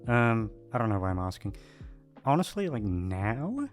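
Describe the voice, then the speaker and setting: A man, a voice actor, closes out with a casual, rambling chat to listeners, hesitating and poking fun at himself as he drifts along. His lowish voice has a sing-song lilt at normal speed, and faint music plays behind him.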